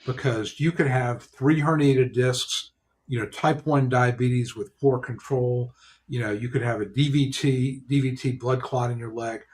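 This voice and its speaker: Guy lawyer hosting, explaining stuff practically, lots of you-knows, mid pitch. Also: fairly even intonation, measured pace, darkish tone. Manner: explains in a practical way, many "you know" fillers. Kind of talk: explanatory casual discussion.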